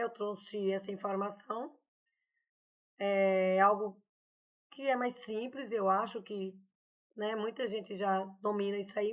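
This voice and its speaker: A woman teaching a grammar lesson online, in a chatty, explanatory way that keeps checking in with her students. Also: mid-range voice. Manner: chatty, explanatory, often adding "né?" and "tá, gente?". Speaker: Portuguese teacher.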